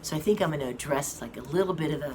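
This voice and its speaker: This low-pitched, hoarse woman is a vlogger offering her viewers a health update from a hospital rehab room. Slow and halting, she uses many fillers, and an air conditioning fan hums in the noisy space.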